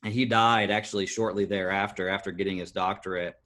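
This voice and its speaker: Man, thirties, podcast guest; lower voice, halting storyteller with fillers. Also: steady tone, bright, forceful tone. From United States. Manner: earnest, halting with many fillers and restarts. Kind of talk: personal storytelling interview.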